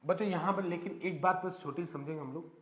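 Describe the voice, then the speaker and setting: High-voiced man teaching in an echoey room. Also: fast talker. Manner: explains step by step, keeps asking students questions. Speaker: physics teacher. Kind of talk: classroom lecture. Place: classroom. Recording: echoey room, dull lo-fi sound.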